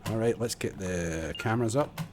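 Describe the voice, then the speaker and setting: A man's voice: on the low side, moderate pace, background noise. Man chatting through a build stream. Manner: chatty, muttering while building, self-deprecating. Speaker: game streamer. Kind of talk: casual live-stream tutorial commentary. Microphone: desk condenser microphone.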